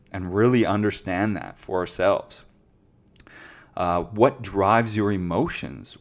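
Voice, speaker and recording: Earnest low-voiced man, self-help podcast. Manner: earnest, reflective, asks many rhetorical questions. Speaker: podcast host.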